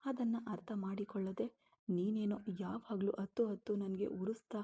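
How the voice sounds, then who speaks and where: A woman's voice: medium pitch, steady tone, moderate pace, warm tone, slightly rough. A woman voicing an angry young husband scolding his wife, read in a storybook style.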